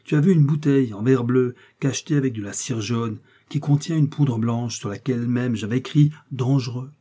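A man's voice: medium pitch, moderate pace, dark tone, husky, natural voice. A man reading aloud and voicing a pompous, fussy village apothecary in an indignant rant. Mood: accusing. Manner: indignant ranting tirade, exclamatory.

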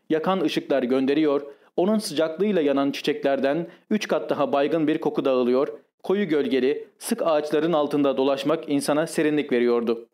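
Calm male audiobook narrator. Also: on the high side. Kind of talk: scripted narration.

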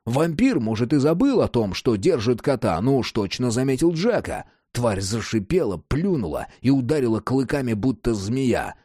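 Animated male audiobook narrator. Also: medium pitch, dry recording, clean studio sound. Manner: animated, dramatic reading.

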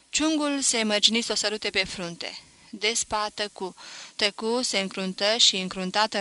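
A woman reading a novel aloud in a measured, expressive storytelling manner, close to the microphone. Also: medium pitch, smooth, dry recording. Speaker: audiobook reader. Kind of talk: literary reading.

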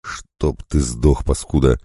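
A man voicing a wounded warrior with a hoarse, pleading voice. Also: very deep voice, steady tone, moderate pace, mellow, no echo, studio quality.

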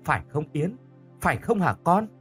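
A desperate, grieving mother, as a male narrator reads her, choked and pleading, her voice lifting high with feeling. Faint music sits underneath. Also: big pitch swings, moderate pace, husky, exaggerated voice.

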